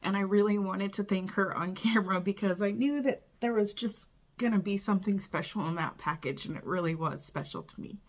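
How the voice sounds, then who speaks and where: A woman's voice: medium pitch, brisk, hardly any pauses. A woman filming a casual unboxing vlog, bubbly and gushing, often breathless with delight. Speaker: vlogger.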